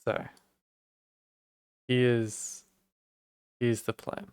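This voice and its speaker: A man's voice: mid-range voice, flat delivery, very slow, creaky, darkish tone, clear, resonant tone, no echo, studio quality. A man with an Australian accent, a streamer chatting casually and rambling as he walks through his setup while working on it. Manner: rambling, self-deprecating, talks while working. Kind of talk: casual live-stream tech walkthrough.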